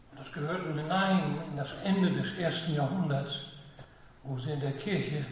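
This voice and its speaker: A man preaching a sermon in a slow, deliberate way, often repeating his phrases, heard in a large church. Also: on the high side, recorded from a distance, a little hiss or hum. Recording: echoey church, voice from afar.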